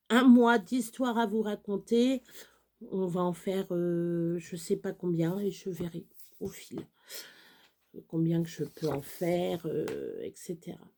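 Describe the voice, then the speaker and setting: Slow, mellow woman spelling words. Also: medium pitch. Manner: spells words letter by letter, chatty asides. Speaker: children's storyteller. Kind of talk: casual reading and spelling lesson for children.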